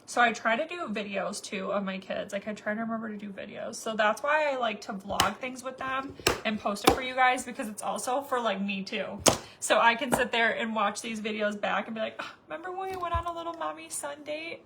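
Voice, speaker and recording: Thirties woman vlogger, casual filler-heavy chat, pitched a bit high. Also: steady tone, a little fast, very noisy. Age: 30s. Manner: chatty, rambling, many fillers. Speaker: makeup vlogger. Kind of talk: casual chat to viewers while doing makeup.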